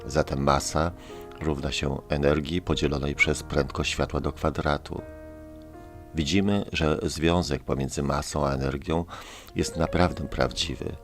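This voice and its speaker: Very deep-voiced man narrating over music. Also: steady tone, measured pace. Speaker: science channel narrator. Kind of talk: scripted narration. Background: background music.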